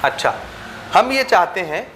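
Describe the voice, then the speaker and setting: A high-pitched man teaches a maths lesson, counting numbers aloud and checking again and again that his students understand. A faint hiss sits behind his voice. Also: big pitch swings, a little slow, fairly bright tone. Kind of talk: classroom lecture.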